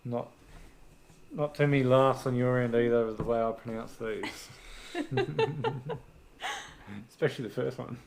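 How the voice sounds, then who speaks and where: A man with an Australian accent, chatting casually as a homestead vlogger, relaxed and laughing at himself. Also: medium pitch, unhurried, long pauses. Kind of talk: casual chat.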